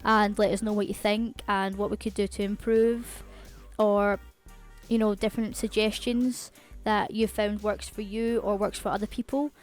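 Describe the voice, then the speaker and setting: A Scottish woman talks fast and casually as she narrates her own game build, aware of her quick pace. Her pitch stays fairly flat and even. Faint music plays softly behind her. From Scotland. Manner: fast-talking, chatty, self-aware. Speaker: channel host.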